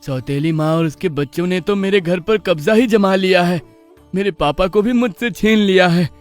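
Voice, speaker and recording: A man's voice: high voice, normal speed, soft background music, close to an everyday voice. A man voicing a jealous, resentful young male calf in a cartoon story. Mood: scheming. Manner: bitter and resentful.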